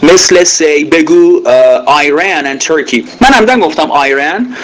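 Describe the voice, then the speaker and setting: A man teaching English grammar in Persian, saying each English example sentence slowly with many filler pauses. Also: on the high side, expressive, slight background noise, low-quality recording. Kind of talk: recorded grammar lesson.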